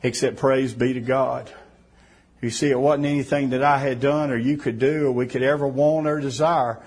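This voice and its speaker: A man delivers a heartfelt sermon in a husky, slightly breathy voice of ordinary pitch. He builds to emphatic, raised phrases, then drops low and quiet to press a point home. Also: fairly even intonation, normal speed. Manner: fervent, rising to emphatic bursts then dropping soft. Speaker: preacher.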